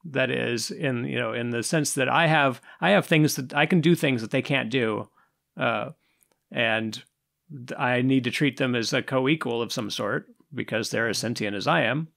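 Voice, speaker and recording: A man with a gravelly, mid-pitched voice co-hosts a podcast. He thinks aloud hesitantly, often repeating words as he searches for his point. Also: moderate pace, a bit bright. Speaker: podcast co-host. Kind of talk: podcast discussion.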